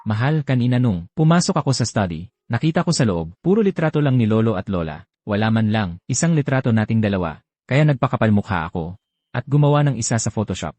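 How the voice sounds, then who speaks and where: A teasing young husband in a dubbed drama, his speech rising and falling in a lively way. The tone is dark and a little husky, with soft music underneath. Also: medium pitch, fast talker, no echo. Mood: sheepish. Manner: playful, coaxing, lively. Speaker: dubbing actor.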